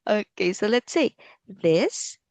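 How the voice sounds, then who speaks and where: A woman's voice: medium pitch, sing-song, slow pace, darkish tone, dry recording. A woman teaching simple words to a young child as if talking to a toddler, repeating short phrases encouragingly and often laughing. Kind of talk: slow, simple children's lesson with repetition.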